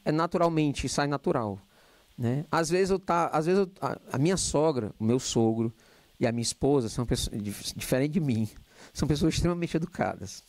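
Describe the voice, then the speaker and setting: A middle-aged man giving a spiritist lecture to a live audience, talking loudly and animatedly with joking asides, into a handheld microphone. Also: on the high side, animated, moderate pace, no echo.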